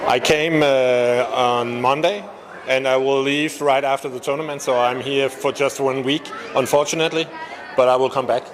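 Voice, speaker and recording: Guy competitor, mid pitch, lots of uh's, crowd chatter around. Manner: relaxed, halting with many fillers. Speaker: competition participant. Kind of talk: on-the-spot interview. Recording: crowd at an event.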